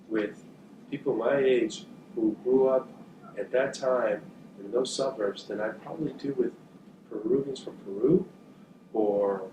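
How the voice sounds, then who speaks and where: An echoey, distant recording with background noise captures a northern New Jersey man talking to journalism students. His mid-range voice comes out thoughtful and halting, peppered with fillers and repeated words.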